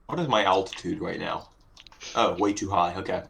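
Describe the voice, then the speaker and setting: A man's voice: low voice, moderate pace, vocal fry, a crowd in the background. A man in casual chat over an online game, dry and matter-of-fact with a teasing streak. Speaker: gamer playing online with a friend.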